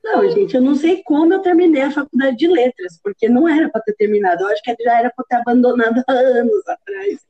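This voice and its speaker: A woman's voice: high voice, animated, fast, few pauses, a crowd in the background. A woman in casual chat, laughing as she tells self-mocking stories. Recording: dull lo-fi sound.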